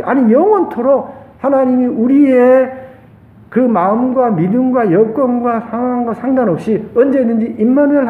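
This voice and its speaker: A male pastor with a Gyeongsang accent preaching a sermon with passion, his voice swinging between loud highs and hushed lows. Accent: Gyeongsang Korean. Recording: echoey church room, tinny phone-like sound.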